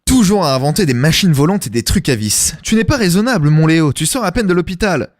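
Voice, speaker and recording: A man's voice: fairly high pitch, expressive, fast, no echo, clean studio sound, lightly acted. An actor playing a scatterbrained, pompous male king who is theatrical and flustered, in a comedic radio play. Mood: scolding. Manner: flustered, theatrical, grand formal phrasing.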